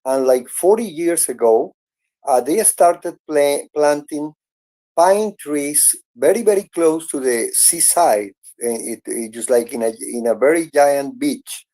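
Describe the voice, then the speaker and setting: A man's voice: fairly high pitch, measured pace, warm tone. A man, hosting a casual live audio chat and telling an earnest, encouraging story. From Venezuela. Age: 60s. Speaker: host.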